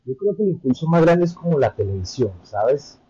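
A Colombian man in his thirties, a podcast guest telling his story in a relaxed way with many hesitant fillers. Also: on the high side, brisk, dull audio, a little hiss or hum. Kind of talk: conversational interview storytelling.

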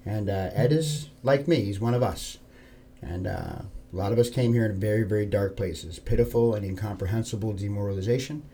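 A man's voice: medium pitch, warm tone. An American man from New York hosting a podcast, talking informally to listeners in an earnest, personal and plain-spoken way. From New York, United States. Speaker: podcast host.

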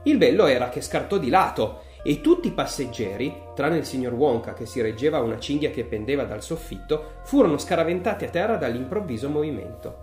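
A narrator reading a children's book aloud in an expressive, lively way. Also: mid-range voice, fairly quick, few pauses, faint music behind. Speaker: audiobook narrator. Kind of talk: storybook read-aloud narration.

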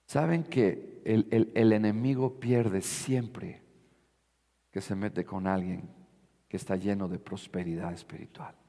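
A man's voice: lowish voice, slow pace, dark tone, long reverb tail. A male pastor preaching a sermon. He mixes Bible reading with emphatic asides and questions to his congregation.

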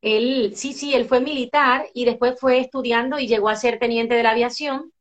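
Venezuelan lady, middle-aged, guest chatting away, bit high voice, lots of "eh" and restarts. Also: moderate pace. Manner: animated storyteller, many fillers and restarts. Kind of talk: casual conversational interview.

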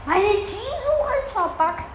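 Young woman, high voice, gaming chat, slangy, complaining, echoey room, faint noise. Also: very animated, takes it slowly. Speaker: gamer.

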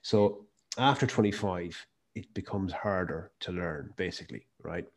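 His voice sits low and he's unhurried as he tells emphatic stories in his west of Ireland accent. The man is from County Mayo, a health and performance speaker appearing as a guest in a conversational podcast interview.

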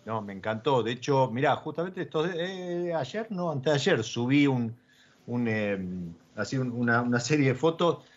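A man's voice: mid-range voice, lively intonation, normal speed. A man with an Argentine accent hosting a casual chat about wine, with many fillers and restarts. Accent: Argentine Spanish. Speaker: wine show host. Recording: dull lo-fi audio.

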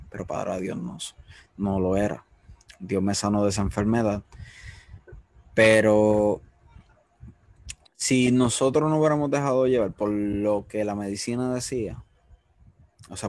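Male host, low gravelly voice, earnest and heartfelt, dry sound. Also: a little mellow, no echo. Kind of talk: interview, faith testimony.

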